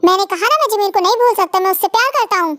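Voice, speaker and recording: Girl doing a stubborn young guy standing up to his dad, high voice, no echo. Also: very fast, a bit bright. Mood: defiant. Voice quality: stubborn, defiant. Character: young man defying his father for love.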